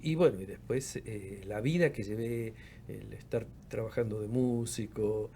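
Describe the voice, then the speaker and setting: Speaking a little slowly with a fairly low, warm voice and some vocal fry, this Patagonian researcher and professor in his fifties reflects aloud as a guest in a casual interview. He often repeats words while searching for the right ones, and faint background noise can be heard.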